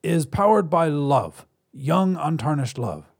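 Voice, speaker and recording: A man voicing an impatient, fast-talking male alien who explains a rescue in a brisk, salesman-like way. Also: a little high, big pitch swings, creaky, husky, voice pushed up, heavily acted. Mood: brisk, explaining.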